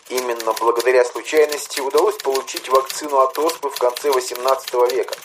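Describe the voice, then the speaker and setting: A man reading out a historical note in a matter-of-fact way. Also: mid-range voice. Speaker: narrator reading notes. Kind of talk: read informational note. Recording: noisy recording.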